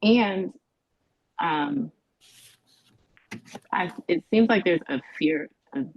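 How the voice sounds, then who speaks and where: A woman testifying as a parent in a custody hearing over a video call, talking haltingly and restarting her sentences as she searches for words. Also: fairly low pitch, lively intonation, vocal fry, husky. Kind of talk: court testimony. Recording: dull, dry video-call audio.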